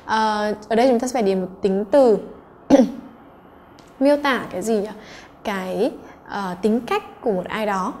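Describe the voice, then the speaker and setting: A woman's voice: mid-range voice, normal speed, pauses often, a little mellow. A woman English teacher, patiently going through exam answers and checking in with her students.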